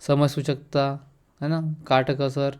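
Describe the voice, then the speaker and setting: A man's voice: mid-range voice, level tone, slow, smooth. A male teacher, running through grammar quiz questions and repeating the answers to check them. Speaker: exam coaching teacher.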